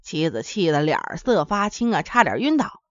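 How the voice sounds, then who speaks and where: A woman's voice: on the low side, moderate pace, dry recording. Woman storyteller from Henan, chatty, sing-song delivery; dull, dry lo-fi sound. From Henan, China. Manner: lively, chatty, addresses listeners directly. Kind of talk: folksy comic storytelling.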